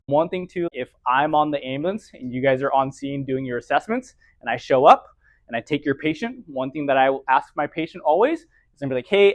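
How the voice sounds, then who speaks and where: A young man teaching an EMT class in a casual, lively way, often acting out patient conversations. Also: mid-range voice, no echo. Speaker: EMT instructor. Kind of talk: classroom lecture.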